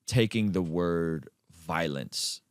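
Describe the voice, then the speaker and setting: A man from Azerbaijan hosting a podcast conversation, talking emphatically and leaping up in pitch to stress his points. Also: lively intonation, slow pace, clear, resonant tone, no room sound, clean studio sound. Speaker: podcast host.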